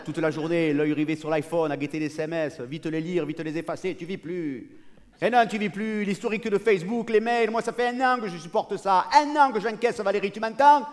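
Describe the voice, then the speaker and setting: A comedian acting out a brash, boastful cheating husband, talking cockily and excitably to a partner who is never heard. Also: male voice, high voice, brisk, close to an everyday voice. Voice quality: cocky, excitable, talks over an unheard partner. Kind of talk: live stand-up character monologue.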